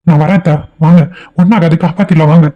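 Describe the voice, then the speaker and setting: A man voicing a young village husband who reassures his wife in quick words. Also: fairly high pitch, fairly even intonation, lo-fi sound, natural voice. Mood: reassuring. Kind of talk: cartoon voice acting. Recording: faint music underneath.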